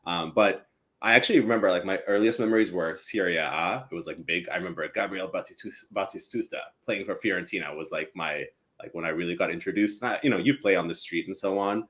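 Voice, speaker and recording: A young East African man, a company co-founder, chats casually as a podcast guest in a low voice at a quick pace. He's relaxed and rambling, with lots of fillers.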